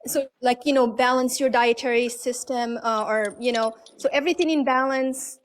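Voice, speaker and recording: A woman's voice: on the high side, steady tone, moderate pace, slight background noise. A woman from Morocco, a guest on a live video stream, explaining patiently with many fillers over a video call. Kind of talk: casual live-stream conversation.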